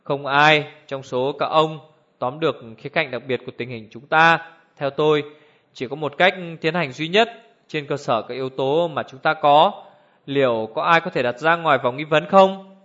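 A man voicing an elderly male judge who speaks in a cold, clear, measured way, on a dull lo-fi recording. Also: fairly high pitch, a bit bright, close to an everyday voice. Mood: cold, deliberate. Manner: measured, icy authority.

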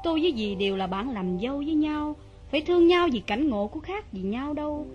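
Young wife, gentle but proud, high soft voice, music playing clearly behind. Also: female voice, expressive, fairly quick, dull audio. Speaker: actor. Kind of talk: stage drama acting.

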